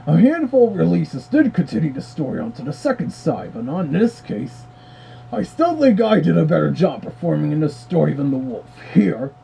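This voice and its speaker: A man gives wry, chatty commentary as the host of a review. His voice is gravelly and very dark. His pitch wanders widely as he talks. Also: big pitch swings, moderate pace, rough recording. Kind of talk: casual commentary.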